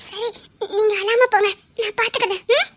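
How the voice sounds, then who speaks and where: A woman with a Tirunelveli Tamil accent, playing a naive, trusting young woman who stammers softly. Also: extremely high pitch, steady tone, normal speed. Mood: shy. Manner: hesitant, stammering, soft. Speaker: actress in a skit. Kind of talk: melodramatic skit acting.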